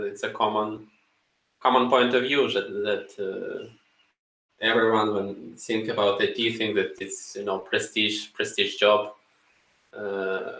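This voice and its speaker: A man from Ukraine, in English, co-hosting a casual podcast and talking in a halting way with many fillers. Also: lowish voice, bright, forceful tone, roomy sound, rough recording. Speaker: podcast co-host. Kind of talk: casual chat.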